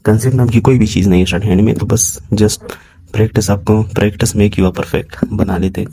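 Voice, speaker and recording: Low, flat, very dark-voiced male teacher. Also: slight background noise. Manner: reads English text slowly, then explains in Hindi. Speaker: shorthand teacher. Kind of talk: casual explaining lesson.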